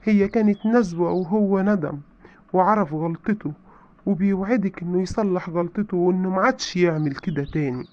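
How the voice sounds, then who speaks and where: A man with an Egyptian accent playing an older mother who calms her children down in a skit. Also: high-pitched, fairly quick, close to an everyday voice. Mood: soothing. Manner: soothing, calming. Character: older mother, soothing and calm. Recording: dull lo-fi sound.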